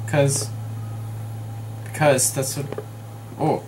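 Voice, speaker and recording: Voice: medium pitch, level tone, extremely slow, noisy background. A gamer commenting on a horror game, teasing a co-player and laughing and exclaiming a lot. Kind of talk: horror let's play commentary.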